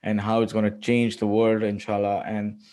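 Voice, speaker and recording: A man's voice: lowish voice, completely flat delivery, normal speed, mellow. A middle-aged man hosting an interview, talking with enthusiasm and rambling through many filler phrases. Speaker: podcast host. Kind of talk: casual interview chat.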